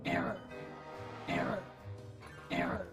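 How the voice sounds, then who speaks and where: A man's voice: slow pace, over music. A man voicing a malfunctioning robot agent in a video game, with a glitching robotic voice that gives clipped reports and repeats an error in a loop.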